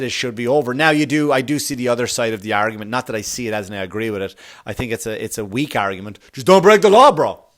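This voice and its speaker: A man's voice: medium pitch, fairly bright tone. A man from Ireland, hosting a podcast in a blunt, profane, rambling comedic monologue full of restarts. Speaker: podcast host.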